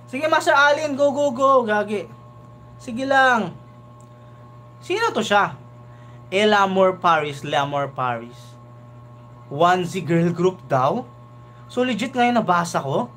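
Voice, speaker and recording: A man with a fairly high voice gives animated live reaction commentary. He keeps asking "di ba?" as he goes, and a faint hum runs under his voice. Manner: animated, chatty, often asks "di ba?". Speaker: reaction video host.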